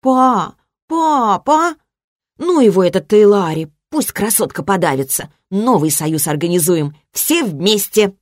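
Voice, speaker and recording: A woman's voice: on the low side, sing-song, moderate pace, few pauses, a little mellow, dry recording, studio quality. A woman voicing a bratty girl, an ancient being in a child's body, who whines and protests indignantly. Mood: whining pleading. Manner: whiny, indignant, childish pleading.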